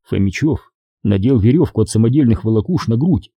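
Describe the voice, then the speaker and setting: A man narrating a war story as an audiobook reader, in a steady storytelling manner. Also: mid-range voice, a little fast, gravelly, dry recording.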